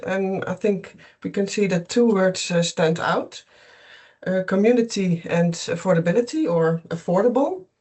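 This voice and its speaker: A middle-aged man, a university researcher, presenting on a video call in a measured, hesitant way with many fillers. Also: high-pitched, a little mellow. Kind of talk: webinar presentation.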